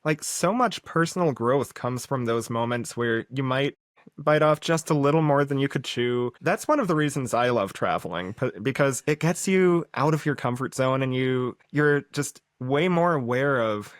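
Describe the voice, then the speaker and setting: A man's voice: medium pitch, expressive, moderate pace, dry recording. A man hosts a podcast in a chatty, casual way, often restarting mid-sentence as he thinks aloud. His voice sits close and dry on the microphone. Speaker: podcast host. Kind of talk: casual conversation.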